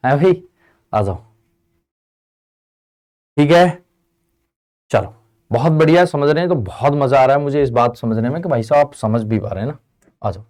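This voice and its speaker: A man's voice: mid-range voice, darkish tone. A young man teaching a lesson in a chatty way, often asking students whether they follow. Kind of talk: classroom lesson.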